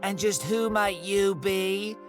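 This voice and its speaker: A woman voicing a rude, hostile old farm lady, an old hag with a raspy, barking voice, in a game. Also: mid-range voice, steady tone, slow pace, close to an everyday voice. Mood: gruff, hostile. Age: older. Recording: music behind the voice.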